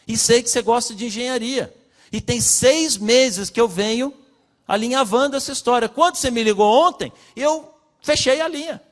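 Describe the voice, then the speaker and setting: A man with a Brazilian Portuguese accent preaching a sermon, telling his own story and acting out the dialogue with swings in pitch and loudness. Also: normal speed. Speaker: pastor. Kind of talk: sermon testimony. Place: church hall. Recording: long reverb of a church hall.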